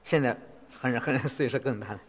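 A man interpreting a sermon phrase by phrase in an animated way. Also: mid-range voice, fairly quick. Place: church hall. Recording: long reverb of a church hall.

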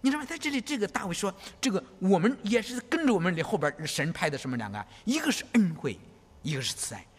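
Husky-voiced pastor preaching in an echoing hall. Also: male voice, sits high, fast. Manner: animated, repeats phrases, asks "you know?". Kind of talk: sermon.

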